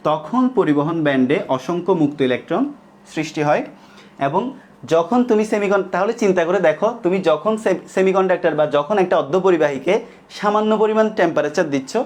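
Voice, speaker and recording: Slow, repetitive man teaching online. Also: sits high, a little mellow. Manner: slow dictation, repeating lines and asking then answering his own questions. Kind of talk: online class lecture.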